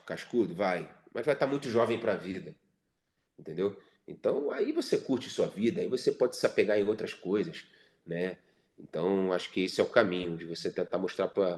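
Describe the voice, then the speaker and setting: Deep-voiced Brazilian man in his thirties. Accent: Brazilian Portuguese. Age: 30s. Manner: relaxed, reflective, repeats fillers. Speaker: futsal player guest. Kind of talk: casual podcast interview.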